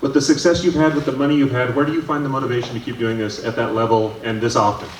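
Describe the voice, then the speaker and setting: A man's voice: medium pitch, little pitch movement, quick pace. A man asking a question as a reporter at a press conference. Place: large indoor press conference room. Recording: distant, echoey room with faint noise.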